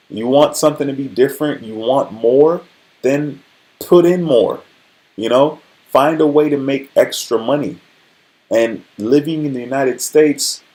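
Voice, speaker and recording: Despite poor audio, a man in his forties can be heard hosting a casual motivational livestream in a mid-range, darkish voice. He talks conversationally and often checks in with those listening.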